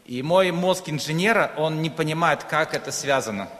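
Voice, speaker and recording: A guest preacher from Ukraine, a native Russian speaker, speaks in short phrases that leave room for an interpreter. His voice is on the high side and fairly bright, at a moderate pace. He is in a church hall, and the recording is echoey with long reverb.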